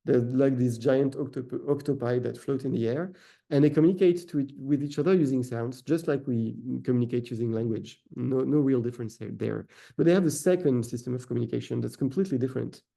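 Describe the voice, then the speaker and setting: Speaking a little fast, with vocal fry and a warm tone at medium pitch, a researcher gives an academic lecture. He's a native French speaker with a French accent, and his delivery is full of "uh"s and self-corrections.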